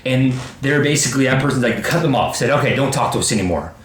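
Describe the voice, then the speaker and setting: A man in his thirties, medium-pitched and fast, co-hosts a casual podcast and coaches youth baseball. Emphatic and animated, he quotes himself in asides and plays out the lines. Expect faint background noise and an echoey room.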